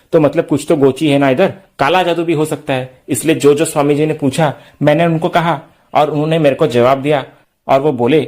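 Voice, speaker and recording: A man's voice: medium pitch, darkish tone, close to an everyday voice. A man reading the lines of a young man who fakes a holy trance, in a colloquial, self-assured ramble.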